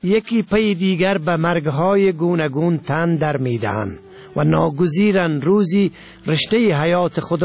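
A man from Afghanistan with an Afghan Dari accent, reading a scripted essay in a measured way. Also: a little high, vocal fry, a little mellow. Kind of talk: scripted narration.

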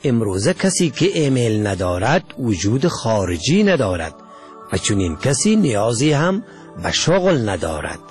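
A man with an Afghan Dari accent voicing a brisk male company chief who speaks curtly. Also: medium pitch, big pitch swings, darkish tone, soft background music, pitched below the performer's own voice, natural voice.

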